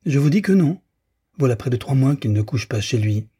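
A man's voice: mid-range voice, lively intonation, fairly quick, mellow, breathy edge, pitched above the performer's own voice. A man voicing a curt, irritable concierge who brushes off visitors, in an audiobook reading. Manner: curt, dismissive. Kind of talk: audiobook character voice.

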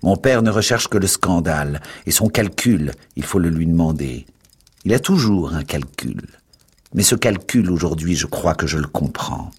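A man reading aloud as an indignant, hot-tempered young man, forceful and outraged. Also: deep voice, expressive, normal speed, slightly rough, full character voice. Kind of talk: dramatic book reading.

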